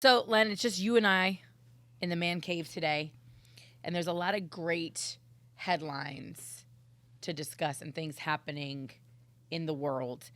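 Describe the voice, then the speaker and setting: A woman's voice: fairly low pitch, measured pace, fairly bright tone, dry recording. A woman hosting a podcast in casual chat, wry and teasing. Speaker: podcast host. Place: podcast studio.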